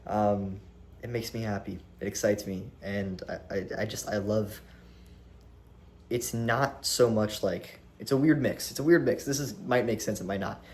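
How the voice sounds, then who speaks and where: A young man in his early twenties talks straight to a tripod camera in a low voice, animated and rambling, with restarts and swearing. A faint hiss sits under the recording. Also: measured pace. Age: young adult. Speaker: vlogger. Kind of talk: casual talk to camera.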